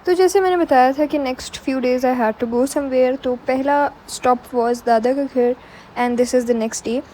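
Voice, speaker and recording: A woman's voice: high-pitched, steady tone, takes it slowly, warm tone, slight background noise, low-quality recording. A young woman from Pakistan, a student, chatting through a casual vlog voice-over and switching between Urdu and English mid-sentence. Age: young adult. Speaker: student vlogger.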